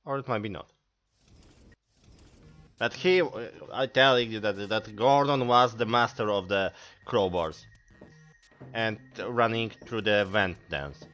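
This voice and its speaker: A man's voice: lowish voice, measured pace, long pauses, a bit bright, lo-fi sound, faint music behind. A man giving casual gameplay commentary in hesitant, broken English. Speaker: let's play commentator.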